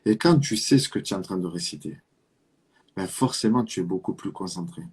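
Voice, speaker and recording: This Islamic preacher from Marseille, France, has a southern French accent and a low, expressive, fairly quick voice that's a little mellow and slightly rough. He delivers an earnest religious talk, pressing the listener with rhetorical questions and repetition.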